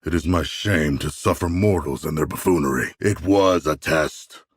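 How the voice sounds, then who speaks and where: An actor playing a huge, proud but earnest and anxious shark demigod in a video game, speaking in formal, stilted, literal-minded phrases. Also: male voice, very deep voice, moderate pace, breathy edge, no room sound, studio quality. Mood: solemn, earnest. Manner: formal, stilted, solemn phrasing with few contractions. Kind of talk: video game character dialogue.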